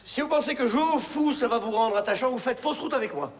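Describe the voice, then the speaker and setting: A man's voice: extremely high pitch, fast. A man playing a stiff, easily exasperated store manager who stammers indignantly, in a theatrical stage delivery. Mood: stern. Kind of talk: stage play acting. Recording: reverberant theater hall, faint ambience.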